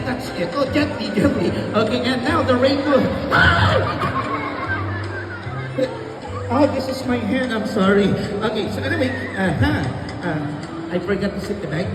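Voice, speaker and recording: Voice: medium pitch, recorded from a distance. A kids party magician doing playful live show patter, coaxing children with simple repeated instructions and showy announcements in a shopping mall. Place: large indoor shopping mall event space. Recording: echoey mall hall from afar, loud music and crowd.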